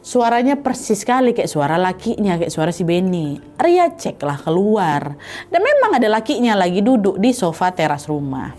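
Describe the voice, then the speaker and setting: A woman's voice: medium pitch, very animated, moderate pace, a little mellow, soft background music. A young woman, casually telling a horror story in a chatty way, addressing listeners directly.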